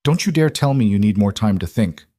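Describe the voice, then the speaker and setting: A man's voice: on the low side, animated, a little fast, mellow, dry recording, clean studio sound. A man voicing a distraught young woman who pleads and argues with a lover, in a dramatic story reading. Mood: heated. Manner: pleading, heated. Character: distraught young woman, fierce, desperate in love.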